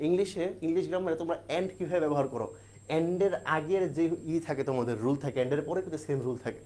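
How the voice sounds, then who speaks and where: A man with a fairly high voice delivers an exam-prep grammar lecture. He builds each point step by step, asks the class rhetorical questions and answers them, and keeps checking that students follow. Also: fast talker, warm tone. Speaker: teacher.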